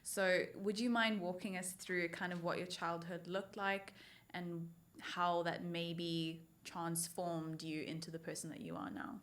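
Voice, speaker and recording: A woman hosting an interview podcast, opening brightly and then asking gentle questions. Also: on the low side, fairly even intonation, measured pace. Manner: upbeat intro, then soft affirming murmurs. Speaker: podcast host.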